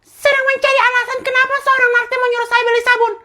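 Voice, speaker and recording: A woman doing a haughty squeaky mock king. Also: little pitch movement, fast talker. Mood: indignant. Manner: haughty, formal, high and loud. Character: pompous self-styled young king, indignant. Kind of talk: comedy skit role-play.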